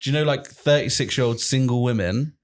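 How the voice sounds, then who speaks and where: Speaking briskly in a mid-range voice, a man in his 20s who co-hosts a podcast spins a rambling tale during casual chat. He swears freely and laughs throughout.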